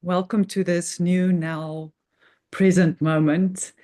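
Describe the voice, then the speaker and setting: A woman guides a meditation through an unscripted spiritual talk, her voice on the low side, dark and level in tone. She speaks earnestly and reverently, in short, halting phrases with measured pauses.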